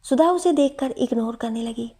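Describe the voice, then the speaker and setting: Warm, breathy woman telling a story. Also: a little high, moderate pace. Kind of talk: storytelling narration.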